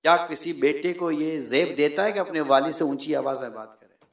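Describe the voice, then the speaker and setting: Preacher, man, fairly high voice, animated and emphatic, echoey room. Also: moderate pace. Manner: animated, rising to loud emphatic peaks. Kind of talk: sermon.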